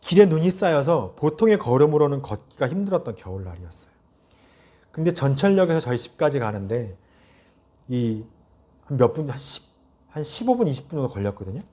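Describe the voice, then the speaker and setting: A man in his forties, a pastor preaching a Sunday sermon with earnest emphasis and a personal story told in a quieter voice. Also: medium pitch, big pitch swings, fairly quick. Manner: earnest, rising emphatic phrases then soft drops.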